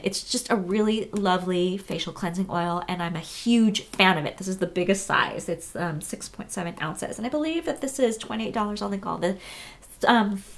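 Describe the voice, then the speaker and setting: A woman in her thirties from the United States, chatting casually through a beauty tutorial with lots of fillers and quick self-corrections. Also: medium pitch, fairly bright tone. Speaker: beauty vlogger.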